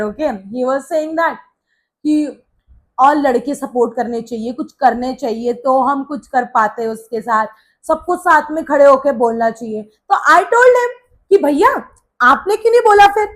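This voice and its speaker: Young woman with a high voice telling a story, lively, hindi mixed with english. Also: moderate pace. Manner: animated, mixes Hindi with English phrases. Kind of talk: casual storytime vlog.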